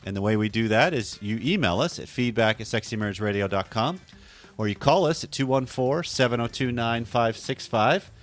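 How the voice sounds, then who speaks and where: A podcast host speaks in a relaxed, chatty style, rambling a bit and correcting himself as he goes. His deep radio voice is slightly hoarse, and he talks a little fast.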